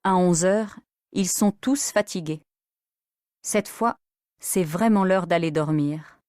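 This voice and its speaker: A woman narrating a story for beginner language learners in a clear, expressive manner. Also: fairly low pitch, takes it slowly, no room sound, studio quality, faint music behind.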